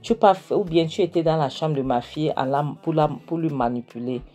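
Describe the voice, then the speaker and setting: A woman's voice: low-pitched, brisk, warm tone, soft background music. Woman voicing a cold scolding wife. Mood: defiant. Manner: scolding, repeats "est-ce que tu as compris?".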